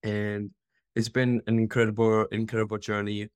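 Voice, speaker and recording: A man's voice: lowish voice, monotone, moderate pace, clean tone, no echo. A man in his twenties from the Czech Republic, a podcast guest telling his life story in an earnest, open way with many fillers. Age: 20s. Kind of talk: casual interview storytelling.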